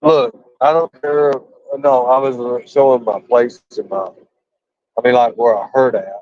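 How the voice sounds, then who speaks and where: A man's voice: medium pitch, fairly even intonation, a little slow. A man in casual chat on a video call, rambling and repeating himself. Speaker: streamer on a call. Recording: muffled lo-fi call audio.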